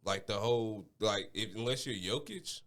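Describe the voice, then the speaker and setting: A man co-hosting a podcast in casual sports chat, argumentative and animated, peppering his points with "like" and "though". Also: on the low side, moderate pace. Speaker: podcast co-host.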